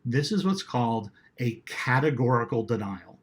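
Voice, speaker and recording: A man's voice: medium pitch, expressive, normal speed. A man teaching a recorded class lecture in a conversational way, now and then reading quoted lines aloud with dramatic flair.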